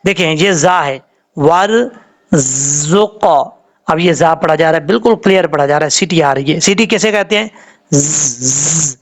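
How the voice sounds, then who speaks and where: A man's voice: on the high side, hardly any pauses. A man, a Quran tajweed teacher giving a patient, step-by-step recitation lesson and repeating each sound.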